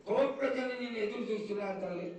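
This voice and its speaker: A man's voice: extremely high pitch, racing, darkish tone. A man making a reverent ritual petition to an oracle, speaking in a pleading, deferential way. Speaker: devotee questioning the oracle. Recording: echoing, distant mic, faint ambient noise.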